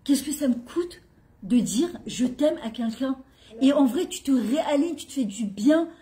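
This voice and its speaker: High-voiced middle-aged woman storyteller. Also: normal speed. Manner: lively, laughing, acts out quoted dialogue. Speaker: guest speaker on women's talk show. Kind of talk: animated personal storytelling.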